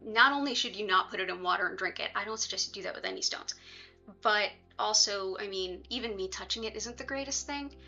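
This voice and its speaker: A woman with a bright, forward voice chats casually to livestream viewers, dropping in little asides as she goes. The sound is slightly muffled and lo-fi, with music playing behind her. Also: medium pitch, fairly quick, creaky. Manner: conversational, chatty asides to viewers. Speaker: livestream host and reiki practitioner.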